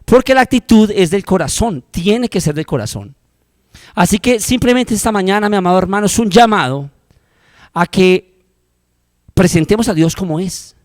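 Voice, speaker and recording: A Colombian man preaching with fervor, his voice sitting high for a man. He drops to near-whispers and then climbs to urgent, ringing appeals. The sound is close and dry, with no room around it. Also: dry recording. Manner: impassioned preaching, swinging from hushed to loud. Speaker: pastor. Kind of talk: sermon.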